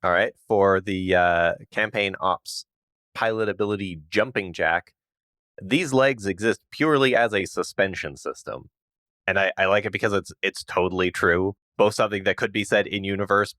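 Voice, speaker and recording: Low-voiced man, easygoing podcast co-host, dry close sound. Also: pushed and bright, dry recording. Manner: laid-back, musing, often laughing. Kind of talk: casual chat.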